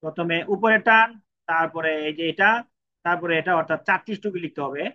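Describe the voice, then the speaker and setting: In a dull lo-fi recording, a Bangladeshi man teaches Japanese character writing, going over every stroke repetitively and counting each out. His voice is on the high side and fairly quick.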